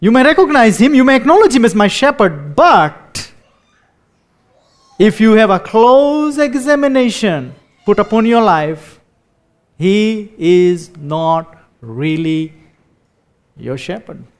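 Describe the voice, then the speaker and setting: A man preaching a sermon, reading dramatically and dropping to a hush, repeating words as he speaks off the cuff. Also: high-pitched, expressive, takes it slowly.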